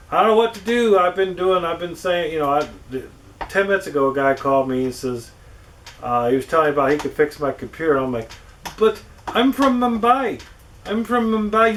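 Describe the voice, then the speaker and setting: Man, casual rambling vlog chat, exasperated, a bit high-pitched, distant mic, faint background noise. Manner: exasperated, ranting, swears casually. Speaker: woodworking channel host. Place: small workshop with wood burner, rain on roof.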